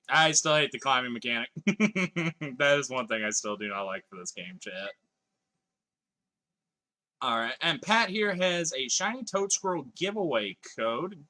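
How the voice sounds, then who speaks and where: A man's voice: mid-range voice, sharp tone. A man streaming a video game live, chatting casually with his viewers and reading their messages aloud as he plays. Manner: chatty, reads chat messages aloud, swears now and then. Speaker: gaming livestreamer. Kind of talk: casual live-stream chat while playing.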